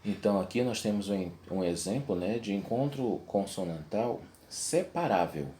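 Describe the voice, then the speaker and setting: A man's voice: lowish voice, expressive, moderate pace, warm tone, a little hiss or hum. A young adult man teaching a video lesson, explaining step by step and checking in with his class.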